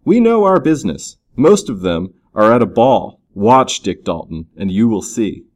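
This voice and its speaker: A man voicing an excited, confident male naval captain in a raised, eager voice. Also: on the low side, moderate pace.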